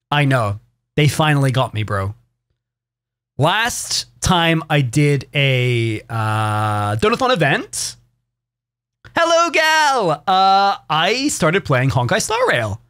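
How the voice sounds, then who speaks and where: A male variety streamer chatting loosely with his viewers, sarcastic and swearing freely. His voice sits fairly high for a man and swings widely in pitch. The sound is close and dry. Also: fairly bright tone, no echo. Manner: sarcastic, swears often, rambling. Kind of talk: casual live-stream chat to viewers.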